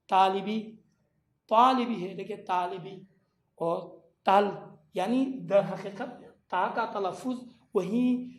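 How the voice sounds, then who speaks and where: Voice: medium pitch, darkish tone. Tajweed teacher demonstrating letter sounds, echoey. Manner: repeats and contrasts letter sounds slowly, demonstrating each one. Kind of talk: recorded lecture on pronunciation. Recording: echoey room.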